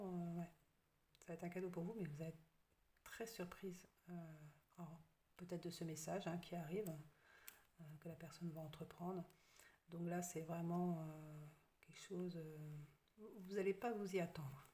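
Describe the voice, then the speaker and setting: A woman giving a casual tarot card reading, hesitant with many fillers and soft half-whispered asides. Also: lowish voice, steady tone, moderate pace. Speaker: tarot reader.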